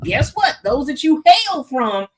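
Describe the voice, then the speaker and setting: A woman talking through the day's news as a casual commentary host. Her voice sits high and swoops up and down as she drawls her words unhurriedly. She is sassy and laughs often. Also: big pitch swings, a little slow, a little hiss or hum.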